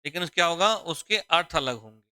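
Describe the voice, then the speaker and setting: A man's voice: a little high, expressive, sharp tone, smooth, no room sound, studio quality. A man teaching a Hindi grammar lesson for exam preparation. He often repeats his own questions and calls the students "beta". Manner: drawn-out, deliberate explaining.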